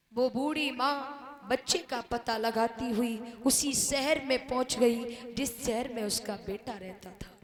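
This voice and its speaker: A woman telling a devotional folk tale, dramatic and repetitive, calling out to her listeners as she goes. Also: fairly high pitch. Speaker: storyteller.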